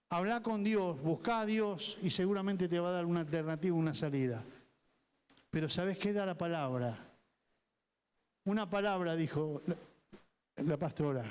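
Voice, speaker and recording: A man's voice: high voice, darkish tone, clean tone. A man with a Rioplatense Spanish accent, a pastor preaching a sermon with emphatic repetition. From Argentina. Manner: emphatic preaching, repeating words, voicing people in quotes. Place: church hall. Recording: church hall reverb.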